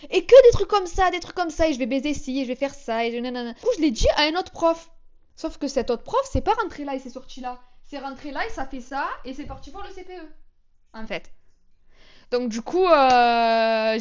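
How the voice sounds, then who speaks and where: A young woman tells her storytime anecdotes in a casual, slangy, dramatic way. Her voice sits high, and the recording sounds a little dull and lo-fi. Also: expressive, fairly quick, a little mellow. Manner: chatty, slangy, dramatic retelling. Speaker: vlogger.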